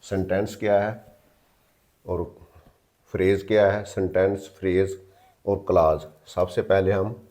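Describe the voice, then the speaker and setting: A man takes it slowly, leaving long pauses, as he explains English grammar in mixed Hindi-Urdu and English. His low, level, slightly mellow voice stays patient and repetitive while he spells out words letter by letter and often checks with listeners.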